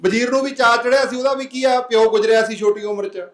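A man's voice: very high voice, fast, reverberant. A man giving an earnest public speech at a village gathering, putting rhetorical questions to the crowd and telling a folk parable. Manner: earnest, plain-spoken exhorting. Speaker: speaker at a public anti-drug meeting.

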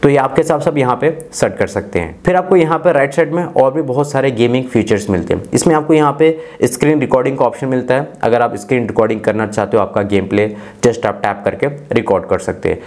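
His voice is medium-pitched and a little mellow: a twenties-aged tech reviewer with an Indian accent guiding viewers step by step through phone features. The walkthrough sounds scripted and mixes in English tech terminology.

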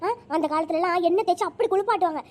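A nagging older mother-in-law, voiced by a woman, bossy and meddling in a cartoon. She scolds in a very high, shrill voice and rattles her words off at a fast clip. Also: darkish tone. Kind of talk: cartoon voice acting.

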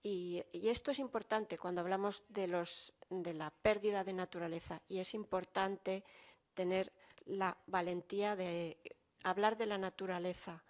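A woman working as a simultaneous interpreter at a conference relays a speaker's words steadily and fluently, with small fillers here and there. Her voice is medium-pitched.

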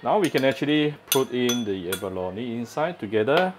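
A man hosts a laid-back cooking demonstration from his home kitchen stove, explaining and chatting with plenty of "uh" fillers. His medium-pitched voice swings widely in pitch at a moderate pace, against background noise.

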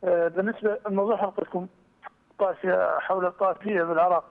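A man's voice: high voice, steady tone, gravelly. A man from Iraq with an Iraqi accent, calling in over a headset phone line to argue his point earnestly. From Iraq, Kirkuk. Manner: earnest, argumentative, fast. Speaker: caller. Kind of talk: call-in political comment. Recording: thin phone line, distant, reverberant.

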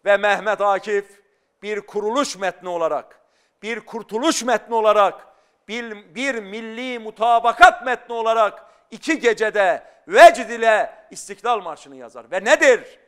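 A man's voice: sits high, expressive, normal speed, a bit bright, clear, resonant tone. A middle-aged male scholar speaking as a guest on a studio talk show, explaining earnestly and building to fervent emphasis. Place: television studio.

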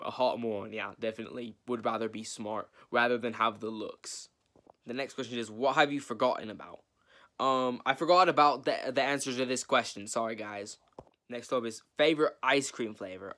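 A teenage boy vlogs from his bedroom, chatting through a list of questions about himself. He rambles, teases himself and laughs often, with a voice of ordinary pitch for a young man. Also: fairly bright tone. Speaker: YouTube vlogger. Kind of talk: casual Q&A vlog to camera.

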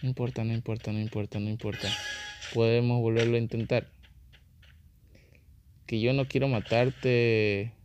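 A man's voice: medium pitch, flat delivery, normal speed, pauses often, over music. A man giving casual gameplay commentary as a gaming YouTuber, taunting opponents and repeating his phrases.

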